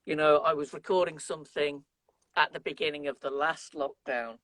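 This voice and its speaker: With no echo, a man in his fifties speaks at a moderate pace in a fairly high, fairly bright voice with fairly even intonation. He's a guest trumpet player with an English Midlands accent, chatting in an interview and telling stories with lots of fillers and false starts.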